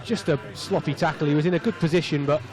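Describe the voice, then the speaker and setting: A man's voice: a little high, quick pace, over music, crowd noise. A man commentating live on a rugby tens match from the stand of an open stadium, chatty between plays and lifting when play breaks open. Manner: chatty, rising excitedly on breaks.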